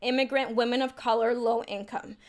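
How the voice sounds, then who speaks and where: A woman's voice: a little high, steady tone, a little fast, a little mellow. A young woman born in the Dominican Republic giving casual reaction commentary, chatty and full of "like" fillers. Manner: chatty, heavy use of "like" as filler. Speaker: video commentator.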